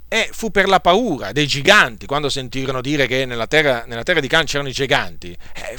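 A man's voice: mid-range voice, pushed and bright, no room sound, clean studio sound. A man preaching a sermon to his congregation, asking rhetorical questions and urging them on. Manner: rhetorical questions, emphatic exhortations.

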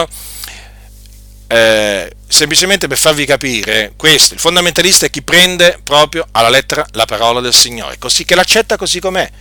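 A man's voice: a little high, sharp tone, dry recording. A man preaching a sermon with impassioned emphasis and frequent rhetorical questions.

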